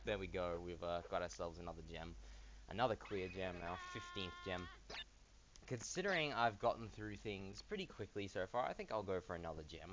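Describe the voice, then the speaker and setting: A man giving casual gameplay commentary, chatting and thinking aloud, with bursts of excitement. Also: low-pitched, a little hiss or hum. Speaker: let's play gamer. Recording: dull lo-fi voice with game music behind. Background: video game music.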